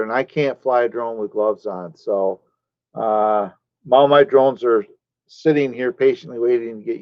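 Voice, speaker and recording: Male streamer, mid-pitched, loose rambling chat with viewers, dry muffled recording. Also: dry recording. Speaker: live streamer. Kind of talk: casual live-stream chat.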